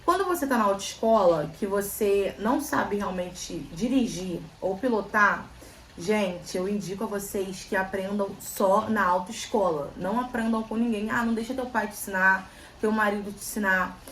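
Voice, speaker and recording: A woman's voice: medium pitch, normal speed, fairly bright tone, slight background noise. A young woman vlogger from Brazil, chatting casually and telling a story, repeating phrases for emphasis. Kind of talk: casual chat. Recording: roomy, slightly distant, faint ambience.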